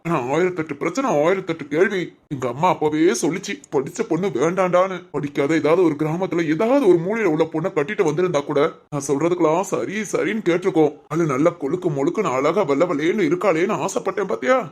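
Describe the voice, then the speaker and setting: A woman voicing a dismissive young husband in a cartoon family drama, talking in a gruff, scolding way. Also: medium pitch, a little fast, lightly acted. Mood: grumbling. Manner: gruff, scolding, self-pitying complaints.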